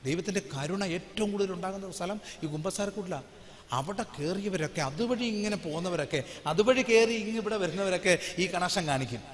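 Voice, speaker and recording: A man with a fairly high voice preaches a sermon to a congregation. He tells his story dramatically, dropping to a hush and then rising to a loud, ringing pitch. His voice carries a long reverb from the hall. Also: brisk. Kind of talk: sermon with personal testimony.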